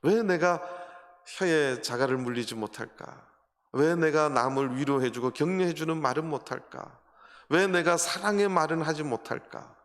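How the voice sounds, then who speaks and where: A man preaches a sermon, telling stories and firing rhetorical questions at his congregation. His voice sits on the higher side for a man. The sound rings with the long reverb of a large church hall. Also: normal speed, fairly bright tone. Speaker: pastor. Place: church sanctuary.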